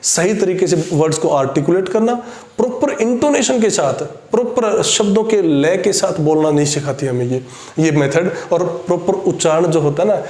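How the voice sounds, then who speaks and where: Male tutor, voice on the higher side, lectures in mixed Hindi and English, repeats each point and slows down for English terms; roomy echo. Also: dark tone. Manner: slows right down for English phrases. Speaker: teacher. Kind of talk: exam-prep lecture mixing Hindi and English. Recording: echoey room.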